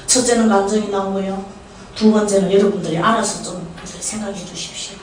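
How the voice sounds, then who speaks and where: A woman's voice: mid-range voice, steady tone, brisk, a little hiss or hum. An older woman with a Gyeongsang Korean accent preaching a humorous storytelling sermon, chatting with and questioning the congregation. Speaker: prayer house director preaching. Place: church sanctuary. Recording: echoey church hall, distant mic, poor quality.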